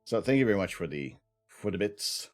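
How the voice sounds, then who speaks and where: A man hosting a live stream, chatting with viewers and thanking them, laughing and clearing his throat between bites of hot peppers. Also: on the low side, big pitch swings, a little fast, soft background music. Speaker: livestream host. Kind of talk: casual live-stream chat.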